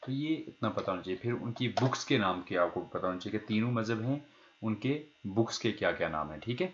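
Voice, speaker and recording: A man's voice: on the low side, lively intonation, dull audio. A man teaching a recorded language lesson, repeating each key word and quizzing his students as he goes. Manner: explains step by step, repeats key words and asks the class questions; pauses to check his notes mid-lesson. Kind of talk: recorded online lecture.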